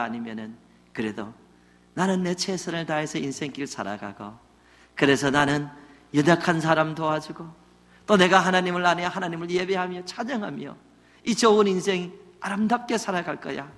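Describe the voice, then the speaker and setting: A pastor preaching a sermon, telling stories with loud emphasis that drops to quiet asides, in a church sanctuary. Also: male voice, high voice, lively intonation, normal speed. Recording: long hall reverb.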